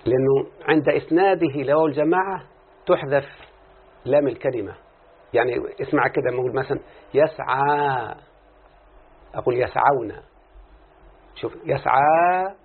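A man's voice: medium pitch, breathy edge. A man with an Egyptian Arabic accent teaching Arabic grammar in a classroom lesson, explaining step by step and often quizzing his students. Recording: tinny lo-fi phone-like recording.

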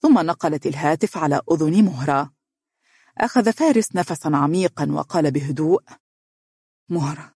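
A narrator reading a novel aloud in steady, dramatic storytelling. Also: medium pitch, fairly quick, slightly rough, no room sound, clean studio sound. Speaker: audiobook narrator.

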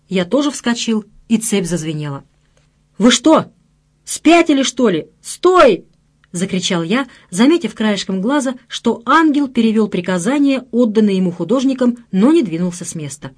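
A woman narrating a first-person audiobook in an expressive, wry storytelling manner. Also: mid-range voice.

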